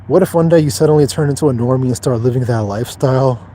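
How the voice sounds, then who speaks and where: A young man in his twenties with a dark, mellow voice talks casually on a livestream. He answers viewers in a blunt, offhand way and swears freely. A faint hum of noise sits behind him. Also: mid-range voice, quick pace. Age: 20s. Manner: blunt, profane, detached and offhand. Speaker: livestreamer reading chat.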